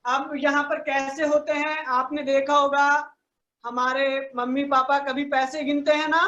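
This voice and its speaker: A woman's voice: high voice, level tone, fairly bright tone, roomy sound, lo-fi sound. A woman teaching an online class for children, patiently explaining step by step and checking often that the kids follow. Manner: patient, explains slowly, asks "ठीक है ना" again and again. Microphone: online video call.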